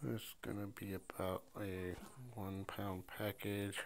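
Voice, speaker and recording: A man's voice: fairly low pitch, level tone, takes it slowly, a little hiss or hum. A man reselling storage-unit finds, talking through an online listing step by step and thinking aloud as he types. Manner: talks to himself while typing, thinking aloud. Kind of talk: screen-recorded listing walkthrough.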